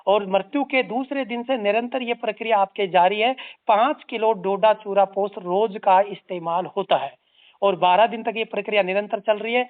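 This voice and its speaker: Over the phone, an activist from an anti-drug social organisation delivers a formal, stern and articulate admonishment in a mid-range voice at normal speed. The phone-line recording sounds tinny and narrowband.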